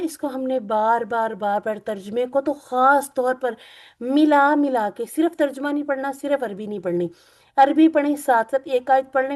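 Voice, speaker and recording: A woman teacher leading an online Quran and Arabic class, explaining gently and repeating points. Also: on the high side. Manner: gentle, repetitive teaching with religious phrases. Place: online video call.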